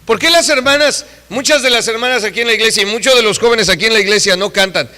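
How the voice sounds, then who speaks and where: A man delivers a sermon in a high, bright voice. He is emphatic, acts out the people he quotes, and swings between loud and soft passages. The church around him adds a long reverb. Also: fast talker. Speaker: preacher.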